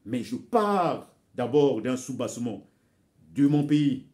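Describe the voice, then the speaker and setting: Expressive and slow-paced, a vlogger from Congo whose first language is Bembe gives fervent commentary straight to camera. He has a warm, dark mid-pitch voice, exhorts listeners as brothers and sisters, and repeats words while searching for the right phrasing.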